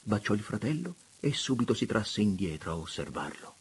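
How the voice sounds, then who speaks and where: Male narrator, deep, husky, very expressive swings, theatrical audiobook reading. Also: fairly quick. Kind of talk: audiobook reading of a literary novel.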